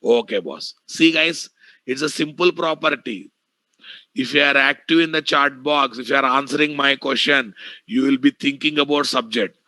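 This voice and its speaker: A man's voice: mid-range voice, moderate pace, pushed and bright, dry recording, low-quality recording. A man with an Indian Telugu accent teaching a live online programming class, bluntly addressing students and repeating key phrases. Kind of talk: live online technical lecture.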